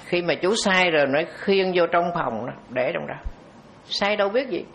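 A man's voice: high-pitched, expressive, normal speed, gravelly, fairly bright tone, slight background noise. A man, a Buddhist monk giving a storytelling dharma talk, speaking conversationally and addressing the audience directly. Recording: dull lo-fi recording.

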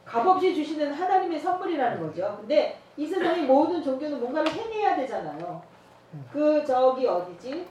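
A woman preaches in a church, telling a story and acting out dialogue with lots of laughter. Her voice is fairly high and swings widely in pitch. The recording echoes heavily and is picked up from a distance, with faint noise behind it. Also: very animated, normal speed, darkish tone. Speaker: evangelism trainer. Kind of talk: sermon with personal testimony.

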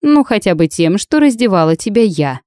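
A woman's voice: mid-range voice, very animated, normal speed, dark tone, no echo, clean studio sound, voice pushed up, natural voice. A woman voicing a sly, teasing old witch in an audiobook. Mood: wry teasing.

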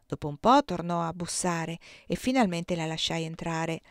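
Woman reader narrating a novel; measured and expressive, with a close, dry sound. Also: fairly low pitch, no echo. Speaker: audiobook reader. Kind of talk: scripted audiobook narration.

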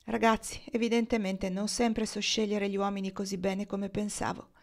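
A woman's voice: mid-range voice, flat delivery, moderate pace, close to an everyday voice. Woman voicing a taciturn man, mumbling, dry, audiobook. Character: taciturn, laconic man of few words.

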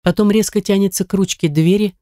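A narrator telling the story in the first person with an even, steady delivery. The tone is dark and mellow, and the recording is close and dry with no room sound. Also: mid-range voice, fairly quick, no room sound. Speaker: audiobook narrator.

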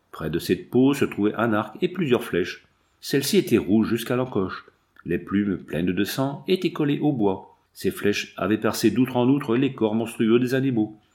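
A man narrating an adventure novel in the first person, with a measured, dramatic reading. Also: fairly low pitch, a little mellow. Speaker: audiobook narrator. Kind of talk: scripted narration.

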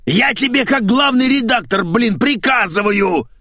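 A man voicing a furious middle-aged chief editor who yells and shrieks at his staff in an audiobook. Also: very high voice, expressive, a little slow, no room sound, studio quality, pitched above the performer's own voice, exaggerated voice. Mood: furious shouting. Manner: shrieking, yelling.

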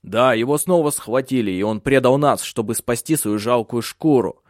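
A man voicing a steady, protective husband and father in an audiobook. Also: mid-range voice, moderate pace, no room sound, clean studio sound, lightly acted. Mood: urgent. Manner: firm, commanding.

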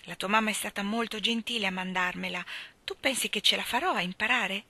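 A woman's voice: medium pitch, brisk, bright, forceful tone, dry recording. A woman voicing a young, sheltered, curious girl who asks eager questions in a storybook reading. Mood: wondering.

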